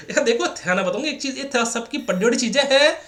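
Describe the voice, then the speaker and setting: Guy teaching maths in a roomy echoey space, high voice, keeps asking got it?. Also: lively intonation, a little fast, fairly bright tone. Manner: chatty, repetitive, asks rhetorical questions. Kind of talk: casual classroom lecture.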